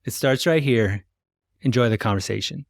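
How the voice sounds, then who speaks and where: A man as podcast host, reading a measured, reflective scripted introduction. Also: medium pitch, vocal fry, slight background noise. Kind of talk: scripted narration.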